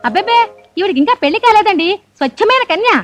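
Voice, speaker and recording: A gushing, chattering matchmaker. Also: female voice, very high-pitched, lively intonation, rapid-fire, faint music behind. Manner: breathless, gushing explanations. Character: chattering bride's relative, eager matchmaker. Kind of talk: film comedy dialogue.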